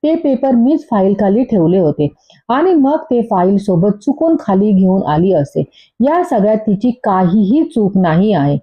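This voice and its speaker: A woman's voice: mid-range voice, sing-song, unhurried. A woman voicing a young wife who argues back with indignant, sarcastic retorts. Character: bickering young wife defending herself. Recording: dull lo-fi recording.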